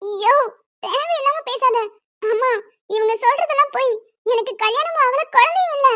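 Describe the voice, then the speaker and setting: A woman voicing a feisty young woman in a cartoon, protesting in a shrill, indignant way. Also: slow pace, dark tone. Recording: dull lo-fi, dry.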